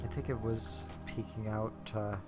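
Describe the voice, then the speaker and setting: A man's voice: fairly low pitch, steady tone, moderate pace. A man giving casual, rambling gameplay commentary as a streamer, with offhand asides, close on the microphone. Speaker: game streamer. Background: game music.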